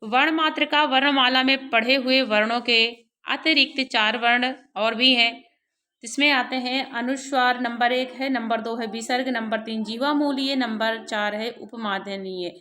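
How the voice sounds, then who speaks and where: A woman's voice: on the high side, steady tone, a little slow, sharp tone. A woman teaching a Sanskrit grammar lesson, reading it out and spelling syllables one by one with many repeats.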